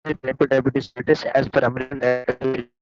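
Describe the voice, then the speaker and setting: A man's voice: medium pitch, fairly quick, muffled recording, faint music behind. A man presenting medical research over a video call whose audio buffers, stutters and drops out. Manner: steady, list-like delivery of study points. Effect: choppy, buffering video-call audio that stutters and drops out. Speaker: conference presenter.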